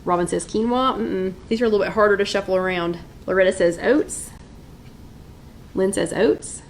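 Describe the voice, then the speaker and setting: A woman's voice: mid-range voice, moderate pace, low-quality recording. Lady chatting on a live stream at home, upbeat, reading off viewer votes, faint hum behind her. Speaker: host of a live weight-loss chat.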